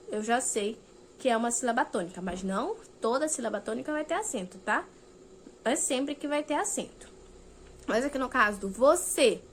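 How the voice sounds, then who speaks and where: A woman's voice: a little high, slight background noise. A young adult woman teacher with a Brazilian Portuguese accent, patiently explaining a lesson to children and stretching out key words. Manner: patient, repeats key words slowly and checks in with "tá?". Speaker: primary school teacher. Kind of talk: recorded video lesson for fourth graders.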